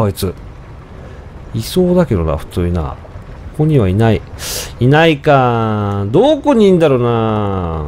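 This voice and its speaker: A man's voice: a little high, a little hiss or hum. Chatty man narrating his gameplay. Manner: chatty, talks to himself while playing, sudden excited outbursts. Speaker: gameplay commentator. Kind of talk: casual let's-play commentary.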